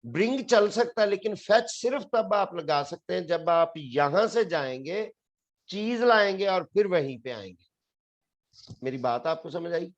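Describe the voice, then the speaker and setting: A man from Pakistan gives a patient English spelling lesson in class, repeating each word as he goes. His high voice has lively intonation and he speaks a little slowly, though the recording is muffled.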